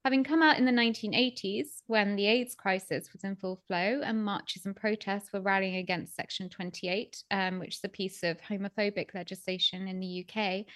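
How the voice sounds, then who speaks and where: A woman reads a scripted podcast introduction as host. Her delivery is measured and formal, at a medium pitch, recorded dry without room sound. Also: a bit bright, no echo.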